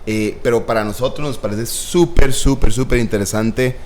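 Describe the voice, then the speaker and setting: A man's voice: mid-range voice, normal speed, darkish tone. A man hosting a podcast, introducing his guest and joking casually. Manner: jokey, laughs often. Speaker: podcast host. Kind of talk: casual interview chat.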